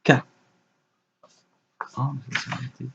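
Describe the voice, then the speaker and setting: A man teaching young children a remote lesson, giving slow, patient, gentle instructions. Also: highs cut off, a little hiss or hum. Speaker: kindergarten teacher.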